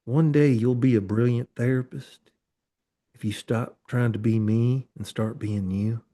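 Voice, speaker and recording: A man voicing a gentle, refined older male mentor with a Southern American accent and a soft, slow drawl. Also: medium pitch, steady tone, natural voice. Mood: kindly earnest.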